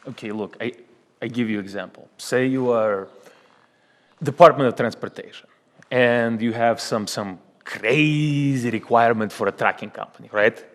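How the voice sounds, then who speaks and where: A man doing a smug Russian union boss who stumbles through broken English, repeating himself as he fumbles for words. His mid-pitched voice rings out with a long hall reverb trailing behind it. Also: natural voice. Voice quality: broken English, halting repetitions. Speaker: union spokesman. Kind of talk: comedy sketch acting.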